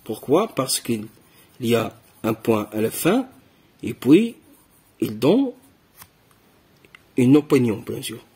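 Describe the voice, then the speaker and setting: A man's voice: medium pitch, sing-song, slow, long pauses, darkish tone, slightly rough. A man teaching a French grammar lesson to primary pupils, patiently repeating key words and asking questions.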